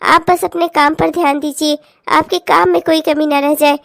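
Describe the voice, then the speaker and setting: A woman's voice: high voice, level tone, normal speed, gravelly, no room sound, clean studio sound. A woman voicing a polite, dutiful young daughter-in-law in a cartoon, speaking sweetly and respectfully.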